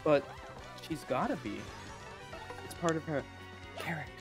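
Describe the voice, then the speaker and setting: A woman's voice: low-pitched, unhurried. A woman co-hosting a gaming session in casual, blunt, sweary chat. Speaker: gaming co-host. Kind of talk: casual chat over gameplay. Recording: loud game music behind the voice.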